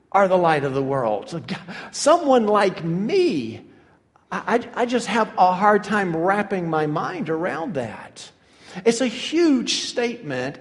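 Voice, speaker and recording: High-voiced preacher in a reverberant hall. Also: male voice. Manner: emphatic, teaching, with hesitant fillers. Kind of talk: sermon.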